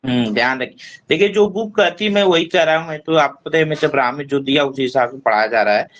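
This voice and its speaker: A man teaching an online English class in Hindi, explaining terms step by step and reading English lines slowly. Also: on the high side, fairly bright tone, highs cut off. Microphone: online class mic.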